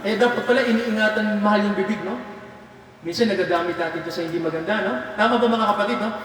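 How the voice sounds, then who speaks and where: A man's voice: sits high, fast, fairly bright tone, a little hiss or hum. A Filipino man preaching as a pastor, mixing English into his sermon and often checking in with the congregation with "no?" and "Amen po?", then leading a prayer. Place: church hall. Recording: echoey hall heard from far off.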